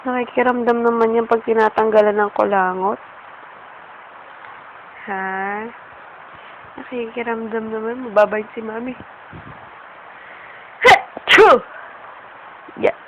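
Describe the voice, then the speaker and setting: A mother, cooing slowly in soft baby talk to her infant. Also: fairly high pitch, steady tone. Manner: cooing, sing-song, slow and soft. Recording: muffled phone-like home video with hiss.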